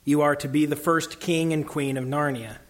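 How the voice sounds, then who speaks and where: A man voicing a kingly male lion who speaks in a grave, formal, measured way. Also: fairly high pitch, fairly even intonation, natural voice. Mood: solemn.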